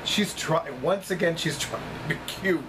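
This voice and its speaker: His voice a little high, a middle-aged man chats to camera as a vlogger and psychic reader, indoors in a small room next to a kitchen. He phrases things deliberately and emphatically, repeating often, while background noise runs throughout.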